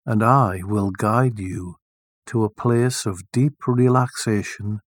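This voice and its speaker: A man leading a guided meditation, speaking softly and soothingly with long, deliberate pauses. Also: on the low side, steady tone, no room sound, clean studio sound.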